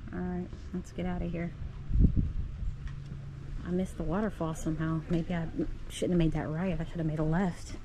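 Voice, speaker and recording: A middle-aged woman vlogger films herself with a handheld camera held at arm's length, chatting casually to viewers on park trails beside a spring. Her voice is low and gravelly, set against a noisy background.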